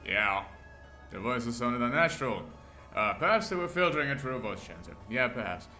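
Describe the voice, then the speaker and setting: A male streamer reads a visual novel aloud, mixing narration with crude, joking asides. His voice is very bright and sharp at an ordinary pitch, and faint music runs behind him. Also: lively intonation, fairly quick.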